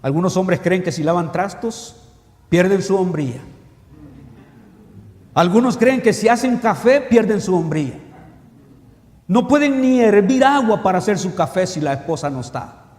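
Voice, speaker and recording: A man preaching a sermon, animated and full of rhetorical questions to the congregation. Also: high voice, normal speed, pauses often. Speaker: pastor. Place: church hall. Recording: echoey church hall with long reverb.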